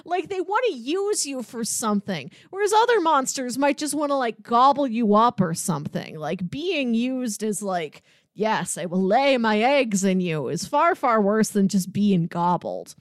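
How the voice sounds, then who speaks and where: Co-hosting a movie podcast, a woman with a voice on the high side takes an unhurried pace through a casual film discussion. She's animated and plays out imagined dialogue along the way. The sound is dry and of studio quality.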